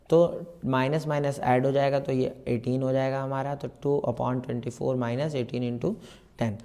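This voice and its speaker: A man's voice: medium pitch, mellow. A man teaching a step-by-step math lesson, mixing in terms and asking and answering his own questions. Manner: explains slowly, repeats steps, asks and answers own questions.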